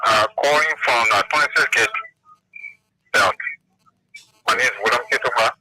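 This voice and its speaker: A man's voice: mid-range voice, moderate pace, bright, forceful tone. A man calling in to a radio talk show over a phone line, hesitant and stammering as he speaks. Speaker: caller.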